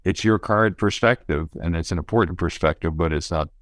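A man's voice: low-pitched, fairly quick, dry recording, studio quality. A man speaking as an expert guest, explaining things in a thoughtful, conversational way. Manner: thoughtful, explanatory, often says you know.

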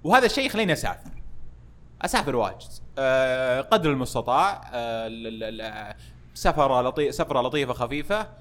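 A young man, a podcast guest in casual chat, speaking loudly with lots of laughter. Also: medium pitch, fast. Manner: loud, lively, laughs often.

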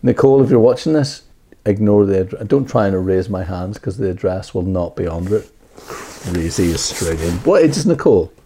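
A middle-aged man co-hosting a casual chat, telling rambling, animated stories with plenty of swearing and restarts. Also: low voice, fairly quick, a little hiss or hum. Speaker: podcast co-host.

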